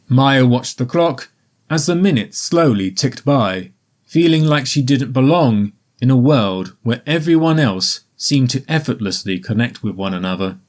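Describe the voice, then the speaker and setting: Slow, careful male storybook narrator. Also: medium pitch, darkish tone. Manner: slow, careful, evenly paced reading. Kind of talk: slow graded-reader narration for English learners.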